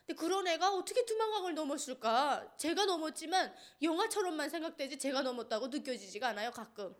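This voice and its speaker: A North Korean woman with a high voice gives an earnest personal testimony, telling it vividly with many fillers. Her intonation is lively and her pace quick.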